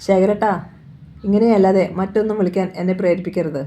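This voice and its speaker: A woman's voice: mid-range voice, fairly even intonation, quick pace, dark tone, slight background noise, close to an everyday voice. A woman reading the part of an arrogant male chief minister, smug and threatening, in a storybook reading. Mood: menacing.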